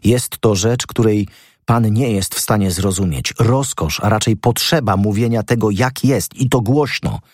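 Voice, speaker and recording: A man's voice: low voice, lively intonation, moderate pace, few pauses, husky, no room sound, studio quality. A man voicing a defiant, fervent young male student in an audiobook reading, speaking boldly and stubbornly. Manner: bold, stubborn, rising with passion.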